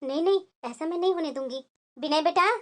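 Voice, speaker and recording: A woman voicing an elderly mother who softly pleads with her son in a cartoon family drama. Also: extremely high pitch, moderate pace. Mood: worried. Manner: soft, pleading. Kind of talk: cartoon voice acting.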